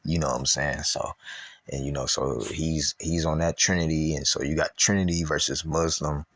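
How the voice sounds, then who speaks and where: A man with an extremely deep, husky voice talks through a Bible lesson in loose street slang, full of fillers and asides. When he reads scripture he slows down and trips over the archaic words. The recording is dry and close, with no room sound. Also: fairly even intonation, a bit bright, dry recording. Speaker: Bible teacher. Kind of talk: casual Bible study talk.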